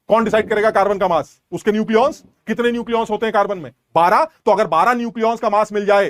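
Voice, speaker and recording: High-voiced man teaching chemistry. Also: no echo, studio quality. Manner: explains step by step, asks students rhetorical questions. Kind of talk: online class lecture.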